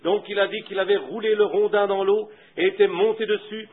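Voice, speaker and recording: A man preaching a sermon, telling a story and leading prayer in a fervent way that swings from hushed to loud. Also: high-pitched, fairly even intonation, a little fast. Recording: tinny, phone-like old recording.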